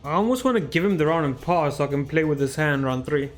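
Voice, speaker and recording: A man casually commenting on his card game as he plays, thinking aloud and getting excited at wins. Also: on the high side, quick pace, soft background music. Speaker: game streamer.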